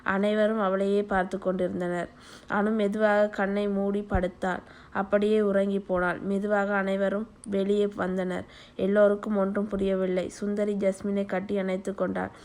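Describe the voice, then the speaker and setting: Flat, steady woman storyteller. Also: medium pitch. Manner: steady, measured reading. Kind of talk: scripted story narration.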